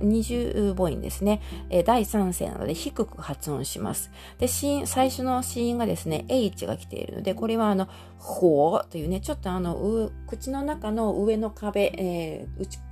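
A woman teaching in an audio lesson, explaining patiently step by step and filling pauses with many soft hesitations. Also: mid-range voice. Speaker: Chinese language teacher.

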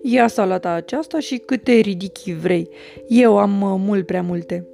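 A woman voicing a hungry male wolf who grows vegetables, speaking in drawn-out exclamations. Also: mid-range voice, creaky, warm tone, faint music behind, close to an everyday voice. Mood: kind. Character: hungry gardening wolf, male, gruff then kind.

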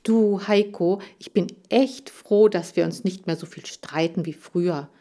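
A woman voicing an affectionate young schoolgirl who speaks warmly and earnestly. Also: lowish voice, a little slow. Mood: heartfelt. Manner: warm, heartfelt. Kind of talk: audiobook character voice.

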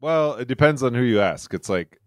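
A man's voice: mid-range voice, animated, a little fast, no room sound, clean studio sound. A man co-hosting a casual podcast chat, laid-back and laughing at his own jokes. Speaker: podcast co-host.

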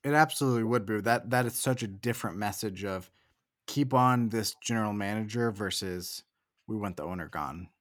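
A man's voice: fairly low pitch, moderate pace, a bit bright, dry recording, clean studio sound. A man appearing as a guest correspondent on a casual podcast, easygoing, with brief remarks.

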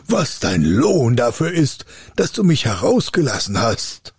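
A man voicing a huge boastful male bottle spirit in a storybook reading, with gravelly, husky threats and whining pleas. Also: mid-range voice, very animated, unhurried, no room sound, clean studio sound, full character voice. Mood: threatening.

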